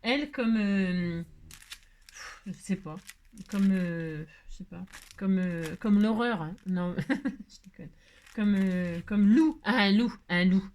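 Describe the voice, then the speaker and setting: The audio is dull, carrying faint background noise and clicks. A French woman with a mid-range, darkish voice talks slowly through a casual craft tutorial, hesitating, filling with "euh" and "hein," and chuckling at her own expense.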